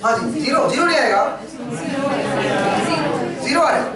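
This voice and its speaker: A man's voice: very high voice, expressive, normal speed, a loud crowd. A man teaching an engineering class, firing questions at his students and answering them himself. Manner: questioning, prompts students constantly. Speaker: engineering lecturer. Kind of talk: classroom lecture. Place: large echoey classroom. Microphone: camera far from the speaker. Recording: echoey classroom from far off.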